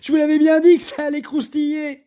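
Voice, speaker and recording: A man's voice: on the high side, very animated, takes it slowly, husky, heavily acted. A man voicing a bubbly, mocking, flamboyant eccentric vegan woman in a storybook reading. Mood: teasing. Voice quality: bubbly, sparkling voice. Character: fizzy eccentric vegan woman, teasing and theatrical.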